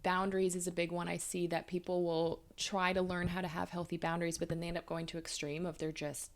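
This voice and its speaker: A woman's voice: lowish voice, flat delivery, fast. A Canadian woman in her thirties, a couples therapist, explaining her views thoughtfully with examples in a conversational interview.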